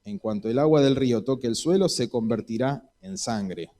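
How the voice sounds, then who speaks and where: A man's voice: medium pitch, lively intonation, moderate pace, mellow. A man with an Argentine Spanish accent preaching a sermon in a church, acting out Bible dialogue in voices.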